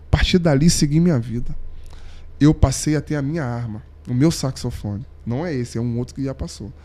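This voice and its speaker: A man's voice: medium pitch, a little fast, warm tone. Heartfelt man. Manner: slangy, heartfelt, drops to near-whisper at moving moments. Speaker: podcast guest, saxophonist. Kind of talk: emotional storytelling in casual chat.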